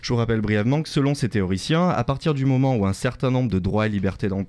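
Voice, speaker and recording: A man's voice: mid-range voice, quick pace, darkish tone. A man giving a prepared radio talk on economic history, lecturing and correcting himself with small jokes. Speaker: radio columnist.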